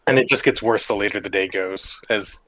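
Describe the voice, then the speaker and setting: A man's voice: fairly low pitch, a little fast, sharp tone, low-quality recording. A man playing in a tabletop game stream, who explains things in a thoughtful way. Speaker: player.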